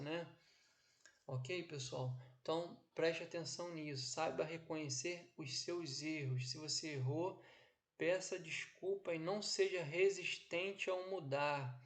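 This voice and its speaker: A man with a slightly high voice, teaching a class recorded at home. He speaks slowly and deliberately, stretching his phrases and checking in with listeners after nearly every point. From Brazil. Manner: didactic, drawn-out phrasing with frequent "ok?" and "né?". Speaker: instructor. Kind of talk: online lecture. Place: home office. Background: background noise.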